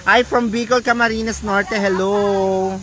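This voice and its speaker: Slow-talking Filipina vlogger greeting viewers. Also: female voice, mid-range voice, steady tone, slight background noise. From Philippines. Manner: chatty, reads out viewer names and shout-outs. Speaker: vlogger on a livestream. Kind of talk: casual livestream chat, greeting viewers by name. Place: outdoors on a beach island.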